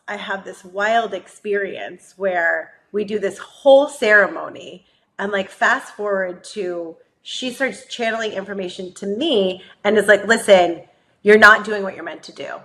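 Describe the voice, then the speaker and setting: A woman's voice: medium pitch, measured pace, fairly bright tone. A woman in her thirties co-hosting a casual podcast, telling a story with lots of energy. She laughs often and acts out the voices of the people in it. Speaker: podcast co-host.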